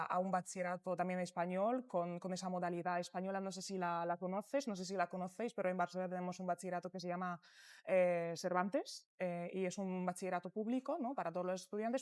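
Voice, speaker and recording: A woman's voice: medium pitch, darkish tone, clean tone, dry recording, clean studio sound. A young Polish woman and Spanish teacher, chatting as a guest with a Spain-style accent, enthusiastic and full of fillers. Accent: Polish, speaking Spanish with a Spain accent. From Poland. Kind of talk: casual conversation.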